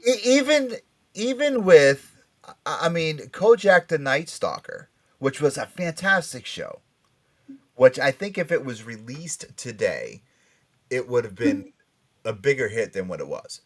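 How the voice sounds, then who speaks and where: This radio and podcast host is a middle-aged or older American man from Norwalk, Connecticut, leading a casual pop culture talk show. He has a medium-pitched voice with big swings in pitch, and his pace is measured while his manner stays chatty and emphatic.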